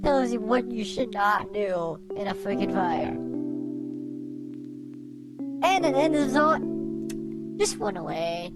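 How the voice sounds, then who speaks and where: A woman's voice: mid-range voice, animated, slow, long pauses, poor audio. A woman streamer with a cute, exclamatory anime-streamer delivery, giving casual live reaction commentary. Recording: music playing behind the voice. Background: audio of the watched video, with music.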